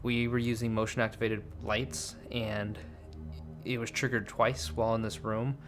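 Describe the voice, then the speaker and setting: A young man with a medium-pitched, flat voice narrates paranormal investigation clips at normal speed, casually hedging and hunting for words with lots of fillers. It's a voice-over rather than on-site audio, with faint music in the background.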